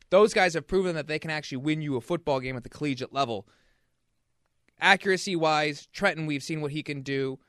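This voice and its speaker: A man reporting on football practices in casual sports talk, frank and full of quick restarts. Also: fairly high pitch, pushed and bright, no echo, clean studio sound.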